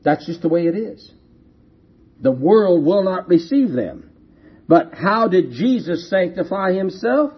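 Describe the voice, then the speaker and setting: Slow, emphatic male preacher. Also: high voice, lively intonation, slightly rough, dull audio. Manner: slow, emphatic, repeats key phrases and asks rhetorical questions. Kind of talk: sermon.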